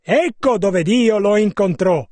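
A man voicing a translation of a sermon in measured, steady phrases. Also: sits high, no echo. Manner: steady, measured rendering of each passage. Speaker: sermon interpreter.

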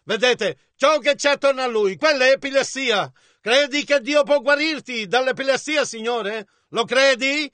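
A man with a very high, bright voice reads a sermon's dubbing in a measured, even way. The sound is close-miked and dry, with no room around it. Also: dry recording. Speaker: interpreter voice-over.

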